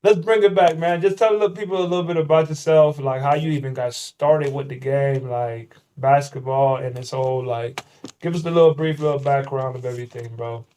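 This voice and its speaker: A man's voice: medium pitch, steady tone, fairly quick, warm tone, low-quality recording. A man in his thirties hosting a casual interview, talking in a hyped, slangy, chatty way. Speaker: host, former basketball player.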